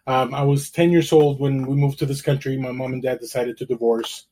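A middle-aged man from El Salvador, a realtor who is a guest on an interview, telling his story in a relaxed way with dry, self-deprecating humor. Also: medium pitch, fairly quick.

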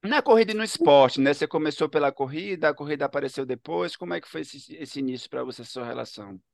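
A man's voice: a little high, fast talker, gravelly, dry recording. Bahian male host, jokey and laughing, dry close sound. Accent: Bahian Brazilian Portuguese. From Ilhéus, Bahia, Brazil. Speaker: podcast host. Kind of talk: casual podcast chat.

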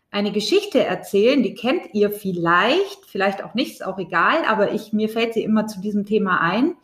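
A woman hosting a spiritual business podcast, talking spontaneously from the gut with fillers and direct address to listeners. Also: medium pitch. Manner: speaks off the cuff with fillers, warm direct address. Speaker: podcast host.

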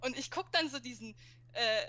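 A woman's voice: fairly high pitch, normal speed, bright, forceful tone, muffled recording. A young woman telling funny convention anecdotes in a casual chat, acting out quotes with youth slang.

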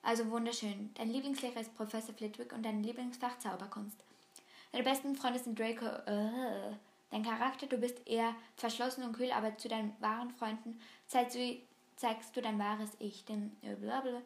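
A woman with a slightly raised voice talks through an online quiz in a loose, casual way. She hesitates, restarts and fills pauses as she thinks aloud. When the text gets long she skims it with a quick murmur. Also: on the high side, fairly even intonation, gravelly. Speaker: vlogger taking an online quiz. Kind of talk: casual chat reading quiz questions aloud.

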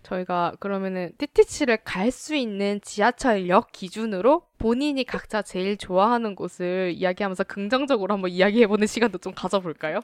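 A woman's voice: mid-range voice, brisk, few pauses, a little mellow, no echo, studio quality. A woman from South Korea hosting a casual group discussion, self-deprecating and sometimes searching for words. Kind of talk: casual panel chat.

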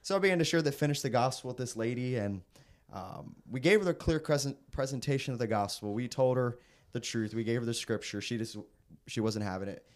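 Young preacher telling a story, laughing. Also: male voice, mid-range voice, fairly quick. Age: young adult. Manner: animated storyteller, laughs at his own tale. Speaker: traveling evangelist preacher. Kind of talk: casual storytelling in a podcast conversation.

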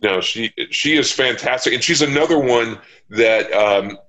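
A man hosting a casual interview, talking in a halting, reflective and long-winded way. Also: mid-range voice, sharp tone, poor audio. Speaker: interview host.

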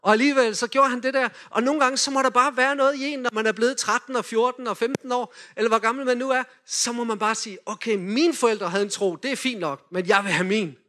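A man in a lively sermon, retelling a Bible story and directing volunteers as they act it out. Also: extremely high pitch. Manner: animated, directs volunteers with quick cues.

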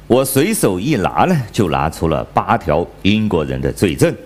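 A man's voice: low-pitched, very animated, moderate pace. A man hosting a podcast, giving satirical political commentary in a sarcastic, mock-indignant way. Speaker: podcast host.

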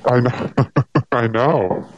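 Host through a deep robot voice changer. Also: drawn-out words, highs cut off. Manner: chatty, upbeat, filler-heavy. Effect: deep robotic voice changer, pitch lowered. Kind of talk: casual live audio interview.

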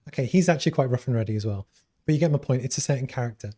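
Fast-talking Scouse host with a mellow voice. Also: male voice, medium pitch, expressive, slightly rough. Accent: light Scouse. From Liverpool, England. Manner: rambling, uses many fillers. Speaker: interview host. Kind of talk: live-streamed business interview.

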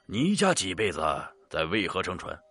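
A man's voice: deep voice, huge pitch swings, moderate pace, a bit bright, slightly rough, faint music behind, voice pushed down, exaggerated voice. A man voicing a stern, upright older village doctor who speaks firmly and scolds. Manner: firm, scolding.

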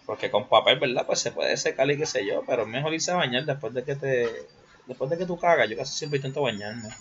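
A man's voice: mid-range voice, fast, a bit bright, dull audio, a little hiss or hum. A young man with a Puerto Rican accent, hosting a casual solo monologue. He rambles, jokes crudely and slips English words into his Spanish.

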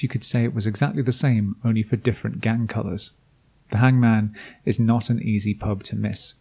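A man's voice: lowish voice, warm tone, husky. A man reading a scripted recap of a tabletop campaign as game master, with dry, self-deprecating asides. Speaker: game master and podcast host.

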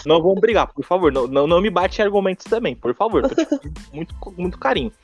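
A man's voice: sits high, sing-song, soft background music. A man co-hosting a casual podcast, joking and putting himself down as he rambles. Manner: joking, self-deprecating, fast and rambling. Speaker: podcast co-host.

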